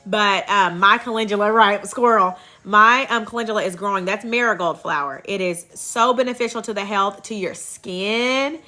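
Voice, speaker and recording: A woman's voice: mid-range voice, normal speed, few pauses, pushed and bright. A woman with a Kentucky accent chats casually on a livestream as host, folksy and talkative, often breaking off to thank viewers. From Kentucky, United States. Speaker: livestream host and herbal health seller.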